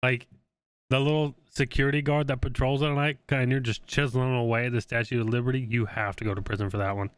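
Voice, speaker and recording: A man's voice: mid-range voice, steady tone, fast, clean tone, dry recording. A man co-hosting a podcast in laid-back casual chat with dry humor. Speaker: podcast co-host.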